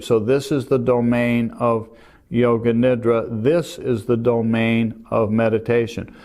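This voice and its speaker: An older man teaching meditation, explaining calmly and gently while pointing to a diagram. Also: medium pitch. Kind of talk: calm spoken lesson.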